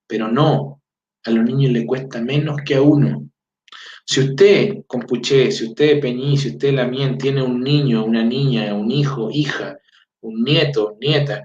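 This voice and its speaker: Chilean guy chatting like a teacher on a stream, far off mic in an echoey room. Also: mid-range voice. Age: adult with a four-year-old daughter. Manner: conversational, fillers, frequent "¿ya?" checks. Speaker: Mapudungun language teacher. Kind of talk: casual livestream talk reading greetings. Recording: roomy, distant, dull lo-fi sound.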